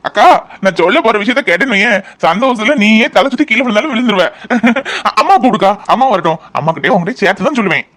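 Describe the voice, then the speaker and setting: Cartoon role: a man as an eager, rushing young husband, high voice, rapid-fire lines. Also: expressive, bright, forceful tone, full character voice. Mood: excited. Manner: eager, rushed, joyful. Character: excited young husband, soon a father.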